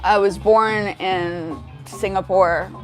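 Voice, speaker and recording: A woman's voice: mid-range voice, steady tone, takes it slowly, soft background music. A woman from Indonesia hosting a casual livestream on a headset mic, chatting and greeting viewers by name. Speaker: livestream host.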